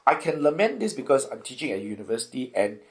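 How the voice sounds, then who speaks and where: A man's voice: medium pitch, big pitch swings, fast talker, slight background noise. A middle-aged Singaporean man, a university lecturer, answering interview questions thoughtfully, with frequent restarts and a habit of asking "right?". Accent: Singaporean English.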